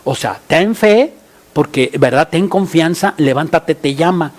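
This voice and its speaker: A man from Mexico preaching a sermon as pastor, halting often with fillers and restarts, and crying out prayers loudly. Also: fairly high pitch, expressive.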